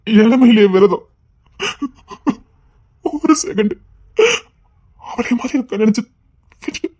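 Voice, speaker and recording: A man's voice: sits high, takes it slowly, warm tone. An actor playing a grieving widowed father who is lonely and full of guilt, tearful and lamenting in a brokenly spoken TV serial scene. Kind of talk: TV serial acting.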